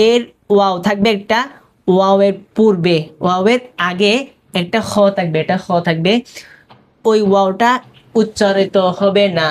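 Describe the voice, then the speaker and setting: A woman teaching a beginners' language class, explaining letter rules step by step and repeating each example word several times. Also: mid-range voice.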